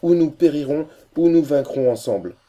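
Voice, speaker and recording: A man's voice: fairly high pitch, lively intonation, normal speed, mellow, voice pushed up, close to an everyday voice. A man voicing an emotional young princess who speaks with resolve in an audiobook reading. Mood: moved, resolute. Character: young woman, devoted princess, brave.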